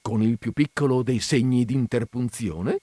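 An indignant, exasperated widow whose voice climbs high and swings about, as a man reading a story puts her on. It is recorded close, with a dry sound. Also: big pitch swings, takes it slowly, a little mellow, no echo. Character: indignant grieving woman, a widow.

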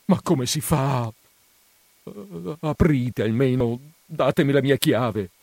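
A man reading aloud voices a timid, frightened middle-aged village priest who pleads in a high, quavering voice and drags out his words. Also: slow pace, vocal fry, a little mellow, no room sound. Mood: indignant scolding.

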